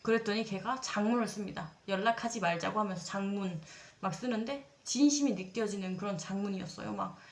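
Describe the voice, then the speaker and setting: Talking directly to her audience, a twenty-something storytelling creator shares a dating story in a chatty, confessional style, dramatizing quoted dialogue. She speaks at medium pitch and a fairly quick pace, with a roomy echo around her.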